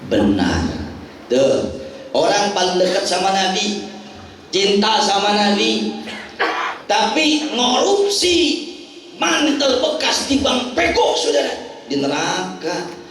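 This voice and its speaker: Animated Betawi-accented preacher, echoey hall. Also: male voice, high-pitched, slow pace, pauses often, a little hiss or hum. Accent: Jakarta Betawi. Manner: animated, joking storyteller. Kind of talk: humorous storytelling sermon. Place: prayer hall in Jakarta. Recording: echoey prayer hall from far off.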